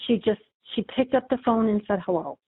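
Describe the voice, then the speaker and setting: A middle-aged woman, a guest, retelling a scam call in a lively way, quoting each exchange and often restarting her sentences. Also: on the high side, a little fast, slightly rough. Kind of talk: conversational storytelling. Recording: tinny phone-like line, dry.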